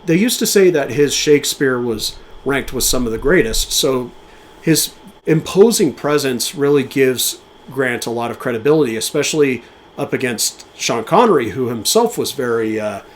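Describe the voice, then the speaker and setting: Guy on a podcast rambling about movies, faint hiss behind him, gets going in fast bursts. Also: medium pitch. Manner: enthusiastic, talks in quick bursts with fillers and restarts. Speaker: podcast co-host. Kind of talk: casual film commentary.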